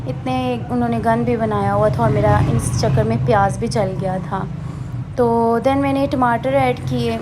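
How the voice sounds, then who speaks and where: A woman's voice: fairly high pitch, background noise. A young woman, chatting casually through a home cooking vlog voice-over, with asides and fillers. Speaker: vlogger. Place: hot room at home, fan switched off.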